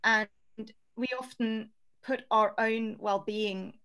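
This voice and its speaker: A woman's voice: fairly high pitch, fairly even intonation, slow, bright, forceful tone, clear, resonant tone. Norwegian woman guest on a video call. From Norway. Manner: earnest, laughs lightly between thoughts. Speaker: guest, singer-songwriter and coach. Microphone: headset with microphone on video call.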